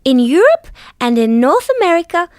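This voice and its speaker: Dorothy the Dinosaur, high and singsong. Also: female voice, very animated, normal speed, a little mellow, no room sound, clean studio sound. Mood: gentle, cheerful. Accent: Australian. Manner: sweet, patient, carefully enunciated. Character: friendly, gentle female dinosaur teaching young children. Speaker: children's show character. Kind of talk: scripted storytelling for small children.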